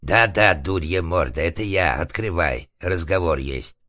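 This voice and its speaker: A man voicing a coarse, vengeful old organ grinder who threatens and swears in a rough voice, in an audiobook. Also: deep voice, measured pace, sharp tone, no echo. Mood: menacing.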